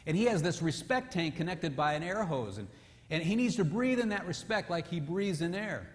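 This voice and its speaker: A man preaching a sermon with a fairly high voice, telling stories in an animated way and sinking low and soft to drive points home. The sound carries a long reverb from the church hall. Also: normal speed. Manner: animated storytelling, drops low and quiet for emphasis. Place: church sanctuary.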